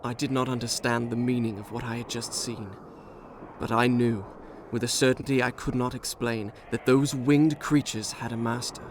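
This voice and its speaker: A man's voice: medium pitch, little pitch movement, normal speed, background noise, lightly acted. An actor playing a young, proud, remorseful Persian prince who tells his story in a formal, theatrical way, as dramatic video game narration. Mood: bitter resolve. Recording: music behind the voice.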